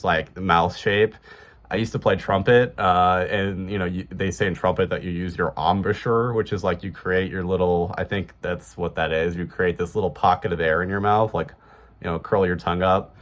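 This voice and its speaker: A man in his thirties with a Chicago accent, talking casually to camera in a rambling way, full of fillers and restarts. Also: low voice. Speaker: vlogger.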